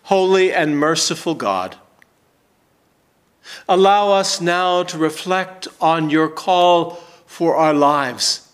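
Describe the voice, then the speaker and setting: Man in his sixties, pastor, measured emphatic reading, slow pace, fairly high pitch. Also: clear, resonant tone. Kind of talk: scripture reading and prayer. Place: church sanctuary.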